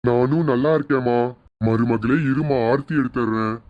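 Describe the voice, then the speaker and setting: Woman doing a low-voiced welcoming old father-in-law. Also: moderate pace. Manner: warm and hospitable. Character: widowed father-in-law, welcoming older man. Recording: dull lo-fi recording.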